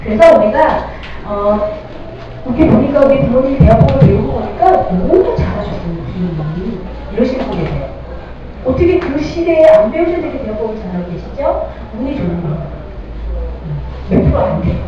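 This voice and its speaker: A woman's voice: fairly high pitch, a little fast. A middle-aged woman giving a parenting lecture, often putting questions to the audience. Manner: lively, addresses audience with questions. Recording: distant mic, dull lo-fi sound, echoey hall, noisy.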